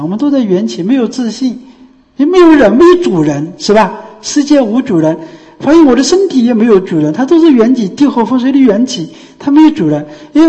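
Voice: mid-range voice, mellow. A Buddhist teacher gives a dharma talk, explaining step by step and often asking rhetorical questions. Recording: long hall reverb.

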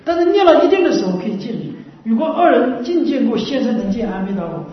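A woman's voice: fairly high pitch, expressive, fast talker. Woman preaching in a very echoey hall. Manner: keeps asking listeners short rhetorical questions; repetitive, explanatory. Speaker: Buddhist teacher. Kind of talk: dharma talk to a gathering. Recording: very echoey room, mic far off, dull lo-fi sound.

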